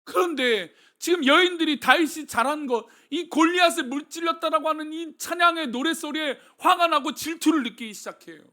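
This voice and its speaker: A male senior pastor preaching a sermon, asking the congregation rhetorical questions and swinging between soft and loud delivery. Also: very high-pitched, a little fast, few pauses.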